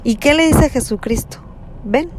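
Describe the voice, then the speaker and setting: Slow-spoken woman preaching. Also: high voice, slight background noise. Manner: slow, conversational, frequent tag questions. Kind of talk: Gospel reflection.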